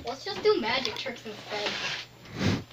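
A woman's voice: a little high, sing-song, takes it slowly, fairly bright tone, slight background noise. A woman joking with a friend on camera, offhand and teasing, trailing into fillers. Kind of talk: casual chat on camera.

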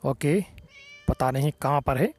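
A young man hosting a gaming channel, giving excited, teasing gameplay commentary full of playful taunts. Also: medium pitch, measured pace, slight background noise.

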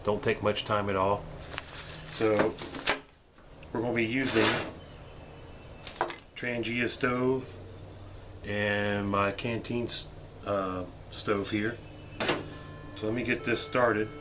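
A middle-aged gear reviewer with a lowish, level voice chats slowly and casually, using lots of fillers and long pauses, while showing off a camping mess kit first at a table and then in his backyard. Background noise is audible throughout this show-and-tell demo.

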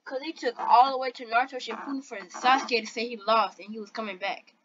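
A woman's voice: on the high side, fast talker, crowd noise. A woman hosting a reaction video with casual commentary. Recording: dull lo-fi audio with background noise.

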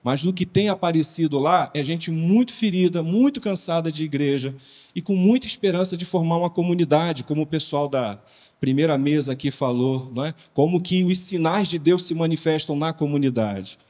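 Man, Brazilian accent, conference panel speaker, informal lively storytelling, somewhat raised pitch, reverberant hall. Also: moderate pace. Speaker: pastor, panelist.

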